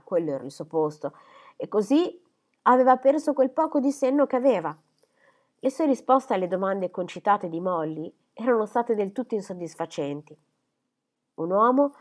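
Casting: female audiobook reader, mid-pitched, measured and expressive narration.

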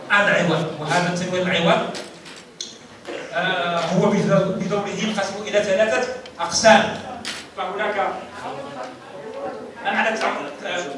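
A man with a Moroccan accent giving a university grammar lecture, often questioning the students, repeating key terms and stammering over restarts. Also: high voice. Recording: roomy echo, mic far off.

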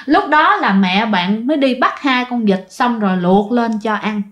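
A woman's voice: on the high side, lively intonation, a little slow, fairly bright tone, muffled recording. Chatty Southern Vietnamese woman telling ghost stories. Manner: chatty, addresses listeners directly, lots of fillers. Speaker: storyteller. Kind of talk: spoken ghost story narration.

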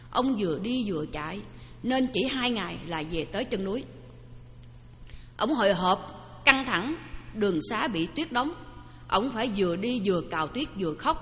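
A woman giving a storytelling dharma talk, lively and asking the audience questions. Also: mid-range voice. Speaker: Buddhist dharma teacher. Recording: long hall reverb.

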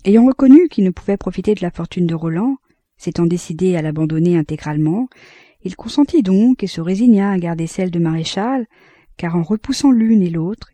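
A woman narrating an audiobook of a classic novel in a calm, measured way, close to the mic. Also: lowish voice, no room sound. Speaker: audiobook reader.

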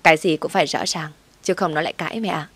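A woman voicing a wronged wife who speaks with cold, firm calm, in a low voice. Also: quick pace, husky, dry recording, exaggerated voice.

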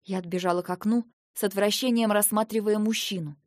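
A woman's voice: medium pitch, fairly even intonation, a little fast, dry recording, studio quality. A woman narrating a novel in the first person, reading expressively and dramatically. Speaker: audiobook narrator.

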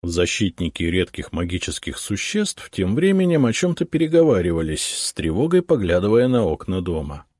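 A man reads a first-person story aloud in a low, husky voice. His delivery is steady yet varied in pitch, and the recording is dry with no room sound. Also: normal speed, hardly any pauses, dry recording. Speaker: audiobook narrator. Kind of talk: scripted first-person narration.

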